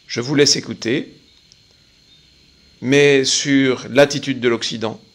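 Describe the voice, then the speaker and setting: A man giving a measured, opinionated spoken commentary on current affairs, pausing often. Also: mid-range voice, fairly even intonation. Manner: measured, opinionated, with frequent pauses. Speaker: political commentator.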